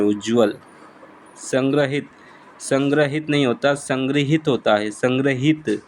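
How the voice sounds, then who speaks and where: A man teaching exam spelling, saying each word slowly and repeating it for his students. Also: mid-range voice, a little hiss or hum, poor audio. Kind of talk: slow spelling lesson.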